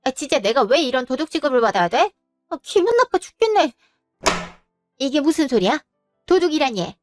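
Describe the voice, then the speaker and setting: A woman's voice: high voice, sing-song, normal speed, soft background music. A woman in her twenties playing a spoiled, defensive sister-in-law who whines and sulks. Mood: whiny. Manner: whiny, sulky and defensive. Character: spoiled young adult sister-in-law, whiny and defensive thief.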